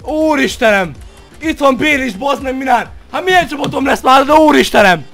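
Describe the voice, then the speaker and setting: A young man shouting and swearing with joy in an excited reaction to opening packs. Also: very high voice, gravelly, faint music behind. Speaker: gaming video creator.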